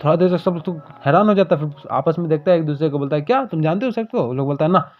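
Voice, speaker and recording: A man retelling a manhua story in casual, colloquial speech, briefly voicing the characters' lines. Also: racing. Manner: colloquial, voices characters' lines with shifts in pitch. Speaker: manhua recap narrator. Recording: dull lo-fi voice-over with faint music.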